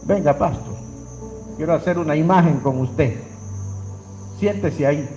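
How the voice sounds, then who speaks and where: A man's voice: measured pace, warm tone, lo-fi sound, soft background music. A man preaching a sermon, dramatically acting out dialogue and calling on the congregation to repeat after him. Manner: dramatic, acts out dialogue with sudden pitch swings; addresses congregation directly, calls them to repeat.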